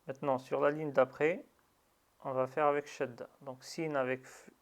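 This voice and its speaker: A man teaching a slow, patient lesson, drilling syllables with long drawn-out sounds. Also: mid-range voice, level tone. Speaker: Arabic reading teacher.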